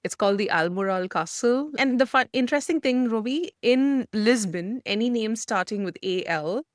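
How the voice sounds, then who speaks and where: A woman's voice: on the high side, lively intonation, moderate pace, dry recording, studio quality. A woman born and raised in India, co-hosting a podcast and telling stories in a chatty, enthusiastic way. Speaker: podcast co-host. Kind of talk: casual chat.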